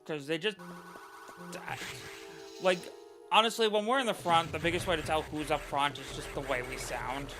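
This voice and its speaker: A man streaming a game and chatting casually in a rambling, halting way, over game music. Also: on the high side. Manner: rambling, halting, many fillers and restarts. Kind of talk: casual chat while playing a game.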